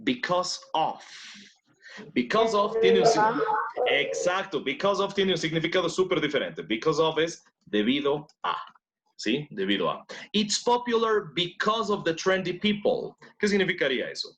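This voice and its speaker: A man teaching an online English class, his voice rising and falling in a lively way. He explains words in with English examples and keeps asking whether the students follow. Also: on the high side, a little slow. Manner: explains in Spanish and English, checks in with "¿no es cierto?".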